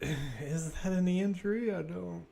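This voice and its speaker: His voice is high, creaky and warm, and he takes his time as he gives informal, conversational play-by-play of a live football match, thinking aloud while following the action.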